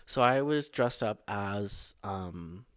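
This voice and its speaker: A young man hosts his own podcast and tells school stories with over-the-top drama and lots of swearing. His voice sits fairly low and sounds close and dry, with no room around it. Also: slow pace, no echo. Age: young adult. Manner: dramatic, profane, animated storytelling. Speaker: podcast host. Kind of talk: casual storytelling.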